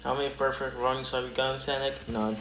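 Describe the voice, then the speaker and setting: Brief: male streamer, mid-pitch, rambling gaming chatter with a faint hum behind. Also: flat delivery, a bit bright. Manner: rambling, talks to chat while playing; quick bursts, trailing off mid-sentence. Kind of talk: casual gaming livestream chat.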